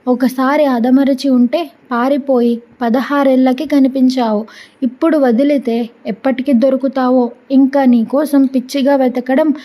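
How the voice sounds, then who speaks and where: A woman's voice: high voice, steady tone, measured pace, warm tone. A woman voicing a stubborn, possessive husband who pleads and scolds in a storybook reading. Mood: pleading. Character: stubborn possessive husband, middle-aged man.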